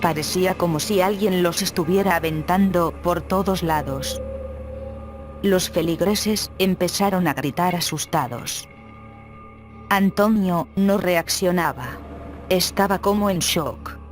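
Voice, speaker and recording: A text-to-speech voice narrating true horror stories in an even, steady reading. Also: medium pitch, a little slow, faint music behind. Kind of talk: scripted horror story narration.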